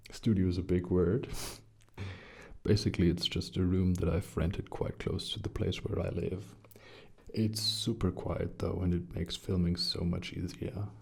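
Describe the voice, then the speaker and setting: Guy doing soft spoken asmr chat, deep mellow voice, kinda breathy, right up on the mic. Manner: gentle, hushed, relaxed delivery. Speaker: ASMR video creator. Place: small quiet rented studio room. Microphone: close shotgun condenser mics.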